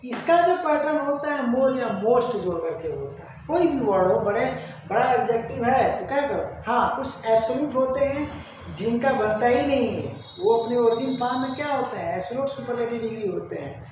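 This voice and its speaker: A man's voice: very high-pitched, animated, a little fast, darkish tone, slight background noise. A man teaching a grammar lesson, asking his class questions and answering them himself while repeating key words. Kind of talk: English grammar lesson in Hindi. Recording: very echoey room.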